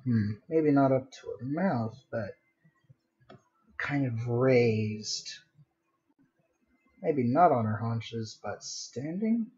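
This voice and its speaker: Sketching on a live stream, a man thinks aloud in a relaxed way, murmuring to himself with small sing-song fillers. His mid-range voice is expressive and a little mellow, very slow with frequent pauses, recorded with lo-fi sound.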